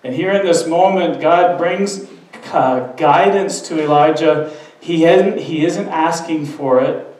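A man's voice: a little high, slow, a little mellow. A man giving a sermon as pastor, talking earnestly and conversationally, often restarting his sentences. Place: church sanctuary. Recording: very echoey room, mic at a distance.

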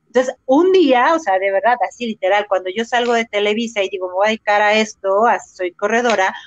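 Animated Mexican woman telling her story. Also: medium pitch, fast talker, dry recording, lo-fi sound. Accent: Mexican Spanish. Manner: animated storyteller, acts out her own reactions. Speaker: interview guest, runner and entrepreneur. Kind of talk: casual interview over a live video call. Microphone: video call microphone.

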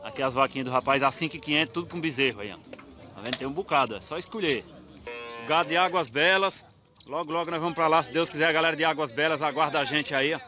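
In quick, pushed, bright tones, a man with a voice on the high side narrates his casual walk through an outdoor cattle fair in Northeast Brazil. He chats with sellers and repeats their prices for the camera amid the crowd's noise.

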